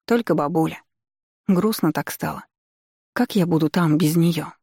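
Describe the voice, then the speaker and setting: A woman narrating a first-person story in a lively, emotional way, recorded close. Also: deep voice, measured pace, slightly rough, no echo. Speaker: audiobook narrator.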